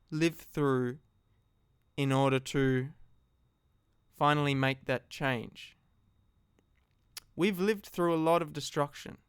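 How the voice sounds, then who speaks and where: A man giving an earnest, reflective philosophical monologue, speaking deliberately in short phrases with long pauses. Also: medium pitch, clean tone, dry recording, clean studio sound. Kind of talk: solo reflective monologue, slow spoken address.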